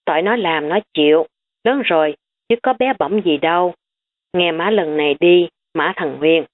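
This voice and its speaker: A woman's voice: fairly low pitch, moderate pace, natural voice. A woman voicing a stern elderly grandmother who lectures her family firmly. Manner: firm, lecturing. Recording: tinny phone-like recording.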